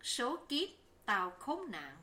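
A woman doing a defiant jealous concubine, indignant and scolding, bright tense voice, slow deliberate delivery, audiobook. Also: fairly high pitch, wildly swooping pitch, a little hiss or hum, pitched above the performer's own voice, heavily acted.

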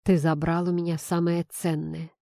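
Lady reading a grim tired dad, low mellow voice, dry sound. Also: level tone, moderate pace, creaky, no echo. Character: stern cold middle-aged father, confessing.

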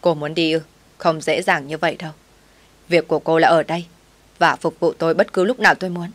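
A woman's voice: deep voice, fairly even intonation, fast. A woman reading the lines of a cold, domineering young husband in a storybook drama, harsh and commanding.

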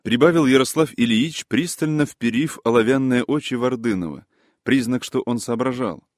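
A man narrating a literary audiobook in a measured, even reading manner. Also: medium pitch, no room sound, studio quality.

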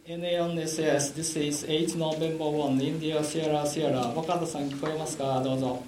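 A man working as a ground station control operator, heard over a radio link. He reads out call signs slowly and repeats his hails. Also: a little high, steady tone. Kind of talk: amateur radio call procedure. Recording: noisy, echoey radio audio with clicks.

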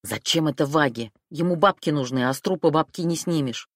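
A woman voicing a nervous, hot-tempered young man who mutters in a lowered voice and flares up into shouting. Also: fairly quick, no room sound, studio quality. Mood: tense, grim. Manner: lowered voice, blurts, shouts when accused.

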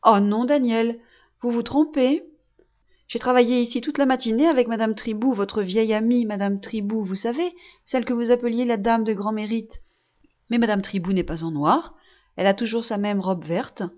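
A woman reads a gentle young woman at a sickbed, coaxing and reassuring in a soft storybook voice. The recording sounds slightly dull, like a home audiobook. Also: a little high, fairly even intonation, normal speed, natural voice. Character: gentle young woman nursing a sick friend.

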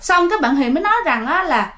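A woman's voice: very high-pitched, animated, very fast, sharp tone. Chatty woman telling ghost stories. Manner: chatty, addresses listeners directly. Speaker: storyteller. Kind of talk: ghost story narration.

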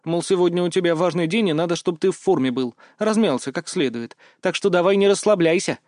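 A man voicing a lively, teasing teenage girl in an audiobook, quick and chirpy in manner. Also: sits high, no room sound, studio quality, pitched above the performer's own voice, natural voice. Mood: bossy. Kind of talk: audiobook character voice.

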